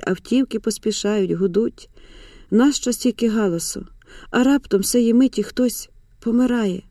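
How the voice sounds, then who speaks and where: An audiobook narrator reading a literary novel in an expressive, theatrical way. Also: medium pitch, no echo, clean studio sound.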